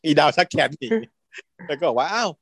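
A man retelling a series in casual chat, camp and lively, acting out the characters' lines. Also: fairly high pitch, a little fast, dry recording, studio quality. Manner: animated, camp, switches into character voices. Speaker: storyteller recapping a series. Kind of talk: casual retelling with acted quotes.

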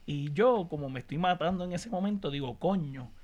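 A Puerto Rican man, a podcast co-host, telling an animated story in casual chat. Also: high voice, lo-fi sound. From Puerto Rico. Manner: animated storytelling, quick, with restarts.

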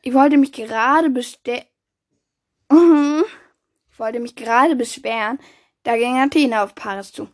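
A woman's voice: a little high, moderate pace. German woman reading a story aloud. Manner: lively, voices the characters' quoted lines. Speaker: reader. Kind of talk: reading a children's book aloud.

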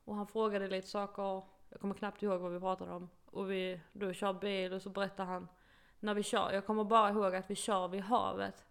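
Gravelly young Swedish woman telling a story. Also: medium pitch, few pauses. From Sweden. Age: 20s. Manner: animated storytelling, acting out quotes, laughs often. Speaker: podcast co-host telling an au pair story. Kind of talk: casual chat.

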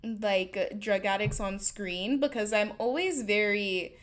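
A young woman co-hosting a podcast, chatting casually and agreeing with quick interjections and laughs. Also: mid-range voice, a bit bright. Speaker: podcast co-host. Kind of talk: casual chat.

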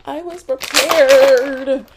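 Her voice starting to give out, a young woman talks off the cuff in a solo podcast monologue recorded at home, and the audio is very noisy. She has a high voice with a steady tone and drawn-out words, and she rambles, restarting often and saying um a lot.

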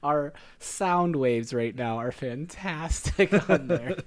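A man co-hosting a casual podcast chat, playful and quick to laugh, with a slightly sore throat. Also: on the high side, animated. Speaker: podcast co-host.

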